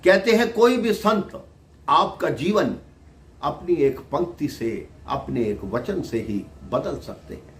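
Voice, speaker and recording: Slow, measured male devotional storyteller. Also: on the high side, expressive, reverberant. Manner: slow, measured, with pauses between phrases.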